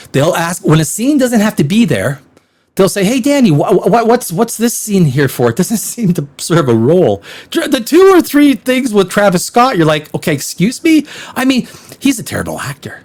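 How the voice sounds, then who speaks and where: A man's voice: sits high, darkish tone. A man hosting a blunt, sarcastic movie review, laughing often as he rants. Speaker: film critic host.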